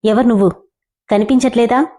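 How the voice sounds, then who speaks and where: A woman's voice: on the high side, steady tone, brisk, dark tone, lightly acted. A woman narrator voicing a man disguised as a ghost, growling threats in a storybook reading. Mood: menacing. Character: man in a ghost costume, menacing and mocking.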